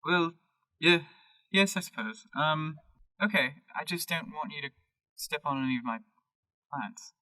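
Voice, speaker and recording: A man's voice: fairly high pitch, lively intonation, unhurried, long pauses, sharp tone, no echo, recorded from a distance, rough recording. A man doing a weary, evasive greenhouse keeper. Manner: hesitant, sighing, trailing off.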